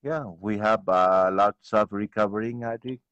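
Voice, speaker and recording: A middle-aged man from Nepal, a guest speaking halting over a phone video call. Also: lowish voice, a bit bright, clean tone, no room sound. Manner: slow, halting non-native English with repeated "yeah" and "you know". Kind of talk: casual video call chat. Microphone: phone without earphones. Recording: dull lo-fi video call audio.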